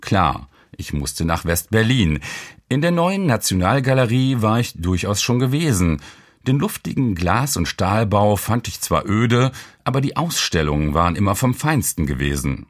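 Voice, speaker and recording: Man, low voice, lively melody, relaxed first-person audiobook narration, colloquial. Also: normal speed.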